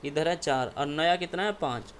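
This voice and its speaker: A man's voice: a little high, normal speed, a little hiss or hum. A male maths teacher working through exam problems step by step, asking questions and answering them himself, with frequent "okay" check-ins. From India. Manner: keeps asking and answering his own questions, repeats "ठीक है".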